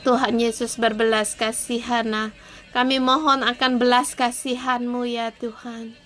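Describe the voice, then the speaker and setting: A woman's voice: on the high side, level tone, measured pace, a bit bright, faint music behind. A woman giving a morning devotion and leading an earnest, pleading prayer in short phrases. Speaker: devotion speaker.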